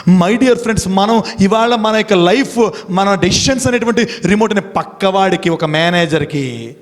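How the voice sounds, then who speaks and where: A man giving an emphatic motivational speech, quizzing the audience with questions and slowing down to tell stories dramatically. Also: high voice, animated. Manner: slows down for dramatic storytelling. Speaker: motivational speaker. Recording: long hall reverb.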